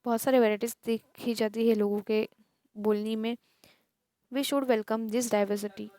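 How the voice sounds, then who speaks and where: Slow-reading Indian woman teacher, dry sound. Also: a little high, little pitch movement, mellow, no echo. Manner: reads English lines slowly word by word, explains faster in Hindi. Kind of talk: textbook lesson, reading English then explaining in Hindi.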